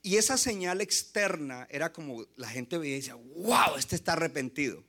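A man's voice: on the high side, expressive, normal speed, pushed and bright. Impassioned man preaching. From Colombia. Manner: impassioned, mixes in English phrases. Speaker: pastor. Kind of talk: sermon.

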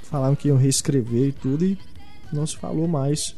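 Man, mellow, casual host chat, light music behind. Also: mid-range voice, normal speed. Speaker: podcast host. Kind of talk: casual film news chat.

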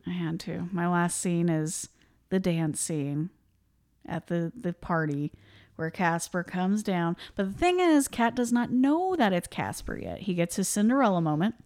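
A woman's voice: on the low side, lively intonation, a little slow, darkish tone. A young woman co-hosting a podcast, chatting casually about a movie with lots of fillers, laughs and asides. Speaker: podcast co-host. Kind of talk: casual movie-review chat.

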